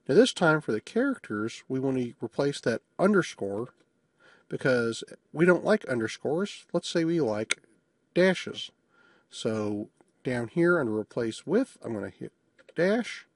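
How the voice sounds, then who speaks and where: Husky man narrating a software demo. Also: mid-range voice, no echo, studio quality. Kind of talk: screencast tutorial narration.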